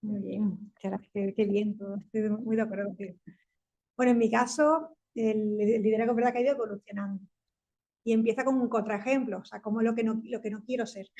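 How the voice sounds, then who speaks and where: A woman in her fifties with a Spanish accent, speaking on a panel as a tech company executive, animated and quick, laughing often and restarting her sentences. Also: medium pitch, muffled recording. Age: 50s. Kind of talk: panel discussion.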